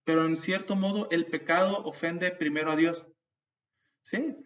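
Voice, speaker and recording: Bright-voiced preacher. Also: male voice, fairly high pitch, moderate pace. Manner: storytelling, animated, with restarts and asides to the congregation. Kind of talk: sermon. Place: church. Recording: distant, dull mic sound.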